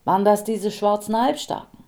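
A woman reading an audiobook, voicing a blunt, teasing young neighbor woman who talks loud and bold. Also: mid-range voice, normal speed, close to an everyday voice.

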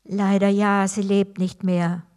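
A woman's voice: medium pitch, little pitch movement, slow, darkish tone, close to an everyday voice. Bernadette, a woman reading as an upset young woman. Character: grieving young woman, sister of victim.

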